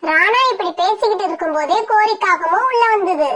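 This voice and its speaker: A woman narrating a children's cartoon story in an animated storytelling manner. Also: very high-pitched, brisk.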